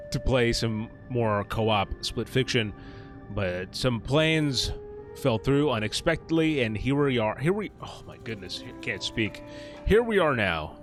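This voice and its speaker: Guy doing a lets play stream, slangy rambly chat, kinda low voice, bit of music. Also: a bit bright. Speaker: game streamer. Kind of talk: casual live let's play commentary.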